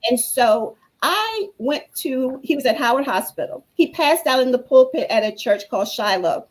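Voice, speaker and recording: A woman's voice: high voice, lively intonation, normal speed, low-quality recording. A woman guest on a talk show telling her own story in an earnest, preacherly way. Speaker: guest speaker. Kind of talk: personal testimony on a talk show.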